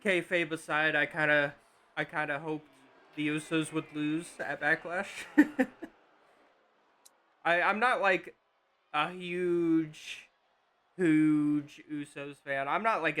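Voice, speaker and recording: A man's voice: fairly high pitch, steady tone, slow pace, long pauses, bright, forceful tone, smooth. A man casually commenting on a wrestling video game on a live stream, rambling with fillers and restarts.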